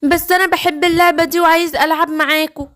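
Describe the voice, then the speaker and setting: A woman's voice: extremely high pitch, flat delivery, fast, a bit bright. A woman with an Egyptian accent voicing a small, weak male tiger cub who pleads to join in. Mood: pleading sad. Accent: Egyptian Arabic. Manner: pleading, sad.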